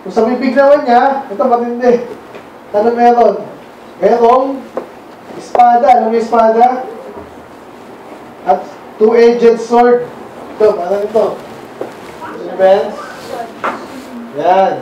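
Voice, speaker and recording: High-pitched filipino preacher guy, keeps quizzing the crowd, mic way off in a super echoey church, little hiss. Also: fairly even intonation, slow, pauses often, lo-fi sound. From Philippines. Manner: quizzes the congregation with frequent questions. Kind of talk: conversational sermon. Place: church hall. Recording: very echoey hall, mic far off.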